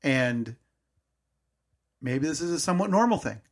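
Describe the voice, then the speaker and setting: A man's voice: a little high, expressive, moderate pace. A man in his thirties, co-hosting a podcast, telling a story in a rambling, hesitant way with lots of self-corrections. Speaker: podcast co-host. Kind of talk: casual storytelling chat.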